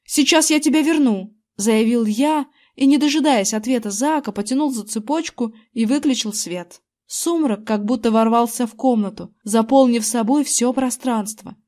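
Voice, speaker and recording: A woman's voice: on the high side, moderate pace, warm tone. Woman reading a storybook aloud. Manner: reads dialogue with light voicing of characters. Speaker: audiobook reader. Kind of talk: storybook narration with character voices.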